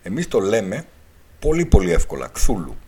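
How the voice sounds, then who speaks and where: A man's voice: lowish voice, big pitch swings, darkish tone, slightly rough. A man hosting a radio talk show, lecturing at length, spelling out letters one by one and repeating his key points. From Greece. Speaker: radio show host and author.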